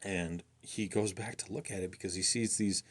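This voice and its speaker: A man casually retelling a strange story as a podcast host, animated and full of restarts, acting out quotes. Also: sits low, moderate pace, a little hiss or hum.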